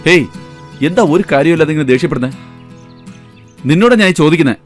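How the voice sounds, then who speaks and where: A man as a young shop owner, dubbed film dialogue, coaxing, somewhat high voice, faint music. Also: lively intonation, fast, lightly acted. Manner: coaxing, soothing. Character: young male shop owner and lover, eager to please. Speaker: dub actor.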